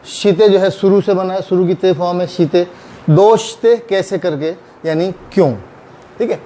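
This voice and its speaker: A man with an Urdu accent teaching Japanese grammar, patiently repeating example phrases slowly. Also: high-pitched, steady tone, dark tone. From Pakistan. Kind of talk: explaining grammar in a recorded lesson.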